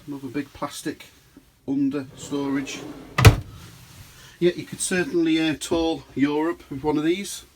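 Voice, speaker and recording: A British motorhome dealer and reviewer gives a chatty walkaround video tour inside a motorhome while rain falls outside, addressing viewers as folks. Recorded on a handheld camera mic, his voice is on the high side with fairly even intonation and a measured pace, over a noisy background.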